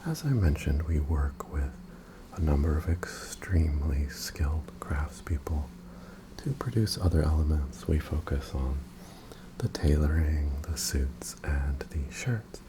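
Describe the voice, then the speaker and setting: A man in a whispered ASMR role-play as an attentive, courteous tailor, breathy and softly presenting his wares to a customer. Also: extremely low pitch, expressive, unhurried, background noise.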